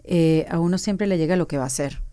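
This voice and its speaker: A woman's voice: lowish voice, fast, dark tone, clean tone, no echo. A woman hosting an interview, conversing casually and affirming her guest. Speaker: host.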